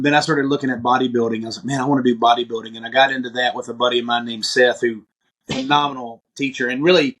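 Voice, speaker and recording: A man talks quickly as a podcast guest, recounting his experiences in an easygoing, conversational way. He is a lively storyteller who slips into the voices of the people he quotes, and his pitch sits at an ordinary middle level. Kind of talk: casual interview storytelling.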